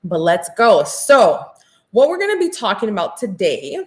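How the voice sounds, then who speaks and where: An American woman from Orlando, Florida, talking with new braces as she hosts a casual live makeup class, upbeat, excited and slangy in chatting with viewers. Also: medium pitch, normal speed. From Orlando, Florida, USA. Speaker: makeup workshop host.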